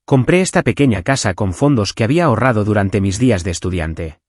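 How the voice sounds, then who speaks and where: A man narrating a scripted first-person revenge story in an expressive storytelling manner. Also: on the low side, fairly quick, dry recording, clean studio sound.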